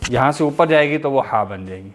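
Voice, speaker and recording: Casting: male Quran tutor, patient and corrective, mid-pitched. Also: expressive, slight background noise. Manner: patient, corrective, explains then models slowly. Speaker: Quran recitation teacher. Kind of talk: correcting pronunciation in an online class.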